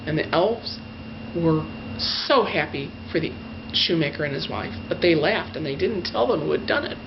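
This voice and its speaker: Dull lo-fi audio with faint noise captures a female storyteller whose low-pitched voice has lively intonation. She tells a fairy tale in her own phrasing, gushing over the descriptions and drawing out the adjectives.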